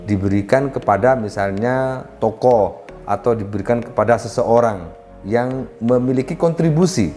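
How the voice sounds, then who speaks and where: A man giving a lesson on writing, walking through points one by one and addressing his listeners politely as ladies and gentlemen. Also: mid-range voice, normal speed. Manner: addresses listeners as "Bapak Ibu", lists points step by step. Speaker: writing instructor. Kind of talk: explanatory lesson. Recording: faint background music.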